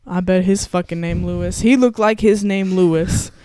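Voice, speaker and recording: A woman's voice: lowish voice, fairly even intonation, normal speed, warm tone, clear, resonant tone, dry recording, close to an everyday voice. A woman voicing a blunt, protective female rideshare driver who swears freely and calls people baby. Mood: incredulous.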